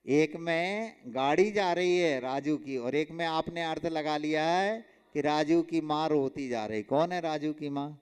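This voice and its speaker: Man teaching a religious class, slow emphatic delivery, questions to students, higher voice, long hall reverb. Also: clean tone. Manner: slow, emphatic, drills pronunciation with repeated examples and questions to students. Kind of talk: explanatory religious lesson.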